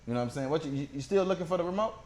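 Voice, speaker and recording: A man's voice: fairly high pitch, lively intonation, very fast, darkish tone. A man hosting a podcast, telling stories in casual, profane slang and often checking that listeners follow. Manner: slangy, profane, repeatedly checks with "you know what I'm saying". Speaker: podcast host.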